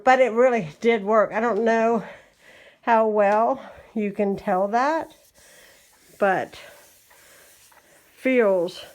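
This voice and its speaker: A woman's voice: mid-range voice, darkish tone. A woman with a West Virginian accent, chatting casually at home as she shows off a wood-care job and recommends the product. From West Virginia, USA. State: a bit out of breath. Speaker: home vlogger. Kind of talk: casual chat. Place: home, indoors.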